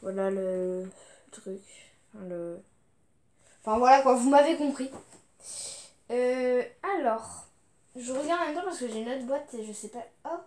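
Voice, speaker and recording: A woman's voice: a little high, a little slow, long pauses, darkish tone. A young woman chatting casually as she shows her video game collection, hesitant, with many fillers and restarts. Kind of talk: casual unboxing chat.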